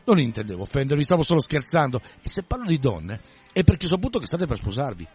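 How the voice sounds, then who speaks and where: A man voicing a shy, devout young companion in a read-aloud novel scene, speaking gently and earnestly. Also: medium pitch, sing-song, quick pace, husky. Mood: placating. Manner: gentle, earnest, hasty to apologize. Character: timid, pious young companion, secretly a girl.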